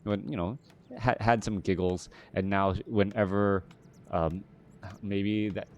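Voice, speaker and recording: A man in his thirties calls a live strategy game, his voice sitting a little on the low side. He rambles off topic easily, restarting sentences and piling on fillers as he chats with his viewers. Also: steady tone, slow pace, lo-fi sound, slight background noise. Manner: rambling, chatty, many restarts and filler words. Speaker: game caster. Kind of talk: live game commentary with casual chat.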